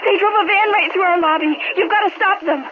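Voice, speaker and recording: A panicked American woman, cries out urgently in a very high voice down a muffled cell phone line. She is a frantic, indignant emergency caller in a video game. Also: brisk, noisy background. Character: panicked, indignant female robbery witness calling emergency line.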